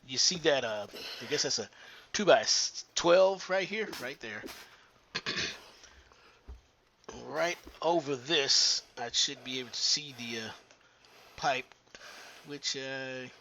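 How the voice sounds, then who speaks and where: A plumber narrates his work as he crawls through a cramped attic, talking in a halting way with many filler pauses. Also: mid-range voice, fairly bright tone, a little hiss or hum. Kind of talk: how-to narration while working.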